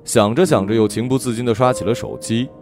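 A man narrating a story in an expressive, gentle storytelling manner. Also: mid-range voice, fast. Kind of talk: audiobook narration. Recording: faint background music.

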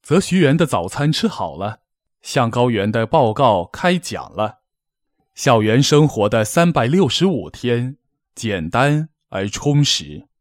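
A man's voice: medium pitch, big pitch swings, no echo, clean studio sound. A man hosting a formal gala, delivering a scripted, poetic address in a solemn, declamatory manner. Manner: declamatory, solemn, measured phrasing. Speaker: gala host, master of ceremonies.

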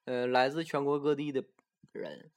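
A man with a Northeastern Mandarin accent chatting casually as a podcast co-host, telling stories with halting restarts. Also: medium pitch. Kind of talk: casual chat.

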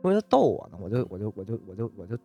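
A man's voice: fairly low pitch, sing-song, rapid-fire, warm tone, husky, faint music behind. A man, hosting a podcast and telling a story in a rambling casual way, with many restarts and repeated "I said". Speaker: podcast host.

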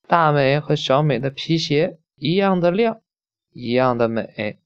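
A reader voicing a calm, fair little cat that answers evenly in a storybook reading. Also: mid-range voice, unhurried, smooth, close to an everyday voice. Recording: dull lo-fi recording.

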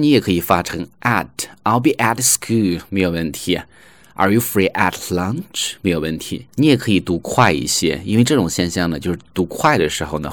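A man with a very low voice gives a pronunciation lesson and says each example phrase slowly and more than once. The recording is dry and close, with no room sound. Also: dry recording. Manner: models English phrases slowly and repeats them. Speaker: English pronunciation teacher. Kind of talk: online language lesson.

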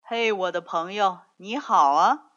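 A woman's voice: medium pitch, unhurried, a bit bright, natural voice. A woman voicing a friendly, polite male lion in a storybook reading, speaking mildly and courteously. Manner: mild, courteous, puzzled. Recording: dull lo-fi recording.

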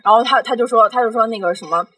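A woman's voice: fairly high pitch, racing, a bit bright. A woman telling a story in a casual podcast chat, rambling with many fillers and restarts.

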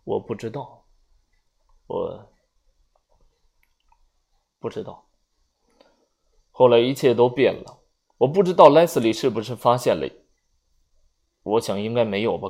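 A calm, resigned old general speaks slowly and politely in a low, gravelly voice, as a male audiobook reader puts him on. He is grave and courteous, with no hurry in him. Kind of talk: audiobook reading.

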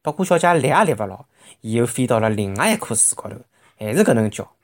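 Very animated Shanghainese-accented storyteller. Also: medium pitch, fast talker. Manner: expressive, with vivid sound words. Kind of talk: animated children's story narration.

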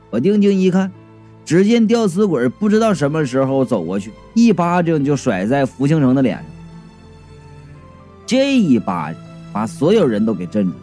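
Male storyteller, animated and mellow, comic narration, faint music bed. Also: on the high side, normal speed. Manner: lively, colloquial, voices the characters.

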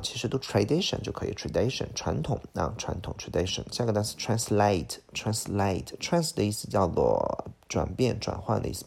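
A man with a gravelly, husky voice, a native Chinese speaker, teaching a vocabulary lesson. He explains each word, repeats its pronunciation, and often says "OK". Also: on the low side, darkish tone.

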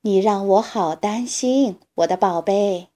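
Mother duck, protective and gentle, calling for her duckling; woman reader. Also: fairly high pitch, measured pace. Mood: tender. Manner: tender, calling and soothing.

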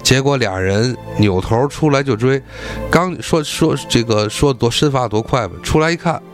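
A man's voice: medium pitch, normal speed, music in the background. A man retelling a classic folk tale in a colloquial, rambling way with jokey asides. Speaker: storyteller.

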